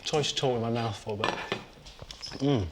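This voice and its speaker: A man's voice: medium pitch, normal speed, heavy background noise. Chatty man cooking in a kitchen. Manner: chatty, talks while cooking and tasting. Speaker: cooking show host. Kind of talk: cooking demonstration.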